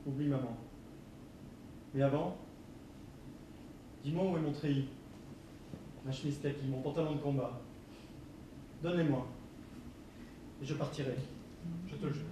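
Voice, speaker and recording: A young escaped killer, acted by a man, high-pitched, threatening and then softly wheedling. The voice rings through a very echoey hall, heard from a distance with some noise. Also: moderate pace, lightly acted. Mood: soft coaxing. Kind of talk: stage play performance. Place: theatre stage.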